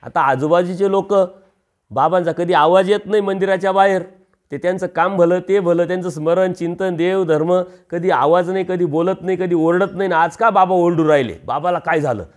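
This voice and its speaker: A man's voice: sits high, moderate pace. A man preaching a storytelling sermon, acting out the voices of a village parable and rising for emphasis.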